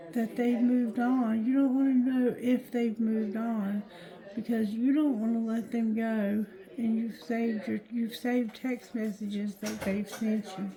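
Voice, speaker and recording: A tired, drowsy woman doing a casual card reading, with thick-tongued, slightly slurred speech and a halting, repetitive delivery. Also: fairly high pitch, rough recording. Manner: slow, halting, repeats phrases. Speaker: tarot reader.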